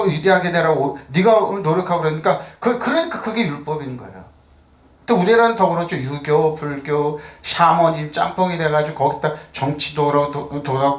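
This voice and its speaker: Older male pastor, slightly high-pitched, casual sermon with rhetorical questions, echoey church hall. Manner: conversational, asks the congregation rhetorical questions.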